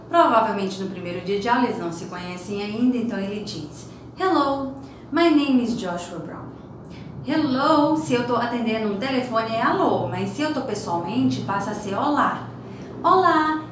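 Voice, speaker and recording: A woman from Brazil with a Brazilian accent, teaching an English lesson. She explains patiently, repeating phrases and translating them. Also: a little high. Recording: very echoey room with faint noise.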